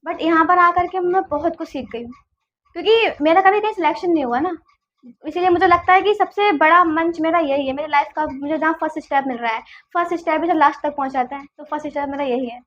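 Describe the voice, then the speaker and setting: Young female guest, very high-pitched, earnest halting delivery, dull lo-fi recording. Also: a bit bright. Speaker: guest, junior civil engineer. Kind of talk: casual interview talk.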